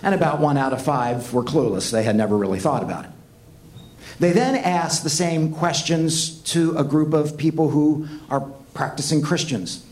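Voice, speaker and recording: A man's voice: a little high, animated, moderate pace, a little mellow. Earnest man preaching to students. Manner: earnest, emphatic, rhetorical questions. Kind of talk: sermon.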